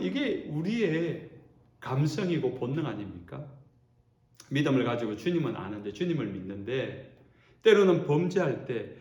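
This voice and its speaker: A male pastor delivers an animated sermon, his mid-pitched voice swooping up and down with feeling. The sound is roomy, carrying the echo of a church sanctuary. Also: lo-fi sound. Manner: animated preaching, acting out quotes.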